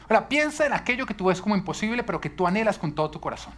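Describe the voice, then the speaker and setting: A man's voice: high voice, very animated, rapid-fire, a bit bright. A male pastor preaching a sermon, emphatic and full of rhetorical questions.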